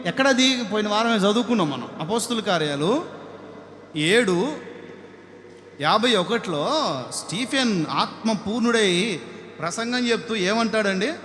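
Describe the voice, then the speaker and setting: A man preaching a sermon to a congregation, speaking emphatically, rising to shouts and calling on listeners to respond. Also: high-pitched, expressive, a little slow, pauses often. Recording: echoey hall with long reverb.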